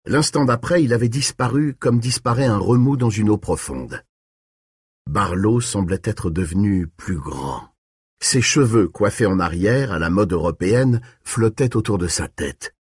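Husky low-ish guy reading an audiobook, lively tone, bone dry sound. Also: unhurried, no echo. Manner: expressive, shifting pace and tone. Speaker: audiobook narrator. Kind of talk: dramatic audiobook narration.

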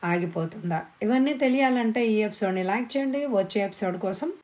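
A woman narrating an audiobook story with measured, dramatic phrasing. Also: mid-range voice, a little mellow, rough recording.

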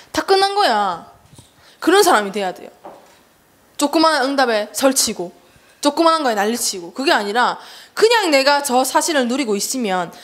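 A young woman evangelist giving a lively, chatty sermon to a children's service, acting out voices and laughing as she tells stories. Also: on the high side. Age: young adult. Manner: chatty and animated, acts out relatives' voices with laughter. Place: church hall.

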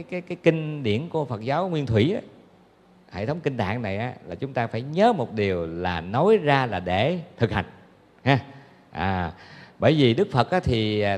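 A man giving a Buddhist dharma talk, telling stories in a conversational way with many fillers. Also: mid-range voice. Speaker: Buddhist monk teacher. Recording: long hall reverb.

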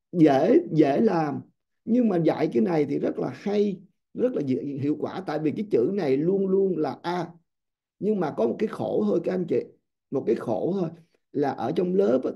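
A man teaching English to a room of adults, lively and often checking with his listeners. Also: on the high side, gravelly, slightly rough. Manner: animated, keeps checking with the class. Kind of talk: classroom lecture. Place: classroom or seminar room. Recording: dull lo-fi sound.

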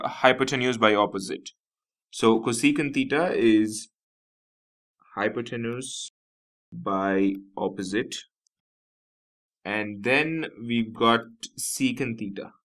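A man's voice: mid-range voice, pushed and bright. A man with an Indian English accent teaching a math lesson, explaining step by step and repeating key terms. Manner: explanatory, repeats key terms, frequent "nothing but" and "you know".

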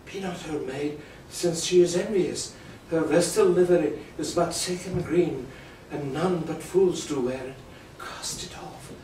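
Hushed, rapturous Romeo, as a man recites him. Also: fairly high pitch, a little slow, hardly any pauses, a little hiss or hum, natural voice. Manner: soft, hushed verse delivery. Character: young male lover, rapturous and tender. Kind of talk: Shakespeare stage recitation. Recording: very echoey room, distant mic.

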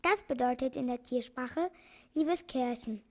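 A woman reading a children's storybook aloud as an audiobook, in a clear, even storytelling manner. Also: sits high, a little slow. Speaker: audiobook reader.

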